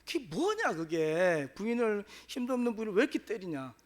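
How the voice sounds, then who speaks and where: A stern, no-nonsense wife of a village official, acted out by a male preacher, handing down conditions with a scolding edge. The voice runs fairly high and moves a lot. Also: big pitch swings, fairly quick. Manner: scolding, laying down terms.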